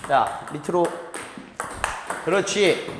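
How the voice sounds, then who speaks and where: A man's voice: fairly high pitch, takes it slowly, background noise. A man teaching table tennis, talking animatedly and chuckling while he demonstrates strokes. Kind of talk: hands-on coaching demonstration. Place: large indoor table tennis hall. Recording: echoey hall with ball clicks behind.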